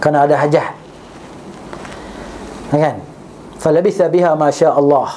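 A man's voice: a little high, brisk, dark tone, slight background noise. A man, a religious teacher telling a story in class. He recites Arabic and then explains it, and keeps checking with his listeners.

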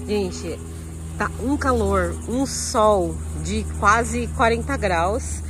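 A Brazilian woman vlogs casually at a campground, moving between the outdoors and a car while talking straight to her viewers in a chatty way. She has a Brazilian Portuguese accent, a medium-pitched voice and drawn-out words, with music playing underneath.

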